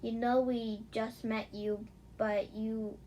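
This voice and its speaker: A woman's voice: a little high, flat delivery, slow pace, mellow, slight background noise, poor audio. A woman voicing a smirking, mocking teenage boy classmate in a fan audio story.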